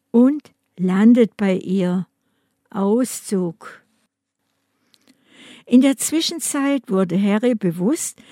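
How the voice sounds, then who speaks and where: A woman narrating a crime audiobook in a calm, measured reading style on a close studio mic. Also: mid-range voice, dry recording. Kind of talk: scripted narration.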